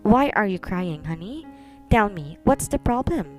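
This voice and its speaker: A woman voicing a doting, hot-tempered young male CEO who mixes in English and soft endearments, with faint music behind. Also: mid-range voice, sing-song, measured pace.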